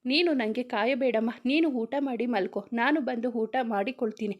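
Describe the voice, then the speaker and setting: A woman's voice: a little high, normal speed, muffled recording, natural voice. Young storybook son, patient and reassuring, woman reader voicing him, light voice. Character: young man, hardworking son, mild-mannered.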